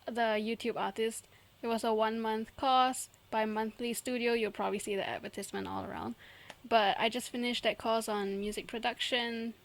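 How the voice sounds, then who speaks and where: Gravelly yet fairly high in pitch, this young Singaporean woman's voice fills a relaxed podcast conversation she co-hosts. She's chatty and prone to giggling, often letting sentences fade before restarting them.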